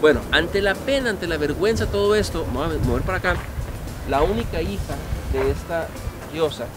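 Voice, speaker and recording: A middle-aged man, a museum guide telling old legends in an animated, storytelling way, putting questions to the audience. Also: a little high, brisk, music in the background, rough recording. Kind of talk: storytelling tour explanation. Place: outdoor park museum among statues. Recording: outdoor background noise.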